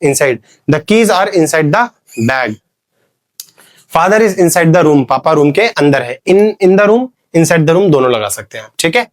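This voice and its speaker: A man with an Indian accent teaching an English grammar lesson, explaining in Hindi, giving English examples and quizzing his students as he goes. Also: high-pitched. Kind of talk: classroom lesson.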